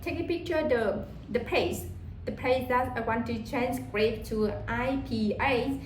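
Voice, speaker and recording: Talking informally in English about her language learning, a woman from Vietnam has a Vietnamese accent and a fairly high voice. She halts and repeats words as she reaches for them. The sound is roomy, with a little hiss or hum.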